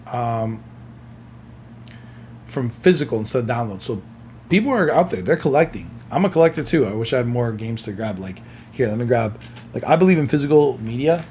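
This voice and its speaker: A man's voice: medium pitch, a little mellow, slight background noise. Sleepy chatty man reading gaming news. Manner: chatty, reacts with exclamations between read-out passages. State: sleepy, yawning. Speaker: gaming streamer. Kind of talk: reading articles aloud with casual commentary.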